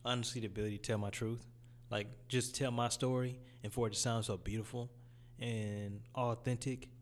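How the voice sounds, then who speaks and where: A young man from Detroit with a raspy voice, talking about his music in a laid-back, casual interview. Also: mid-range voice, little pitch movement, brisk, a little hiss or hum. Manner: laid-back, loose phrasing with fillers. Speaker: guest rapper.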